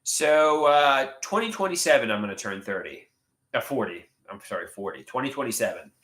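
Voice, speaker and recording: A man in his late thirties, hosting a livestream, chats casually and reads viewer comments out loud despite a stuffed nose. His mid-range voice is fairly bright with lively intonation and a fairly quick pace. He stumbles often with repeated words and restarted sentences, and the room is echoey.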